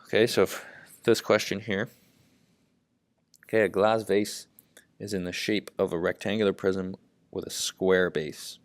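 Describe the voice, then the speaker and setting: A man with a low, deep voice tutors math, working problems out loud step by step. He leans on "okay" as a constant verbal tic. The sound is close and dry, with no room around it. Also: steady tone, unhurried, pauses often, dry recording. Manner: says "okay" constantly, thinks aloud step by step. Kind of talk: lesson narration while writing.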